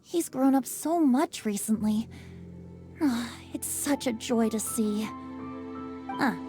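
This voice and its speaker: A teasing, giggly young wind god. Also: female voice, on the high side, takes it slowly. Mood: playful. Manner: playful, teasing, often laughing. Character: playful wine-loving wind god in youthful bard form. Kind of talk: video game character dialogue. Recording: game audio with faint music.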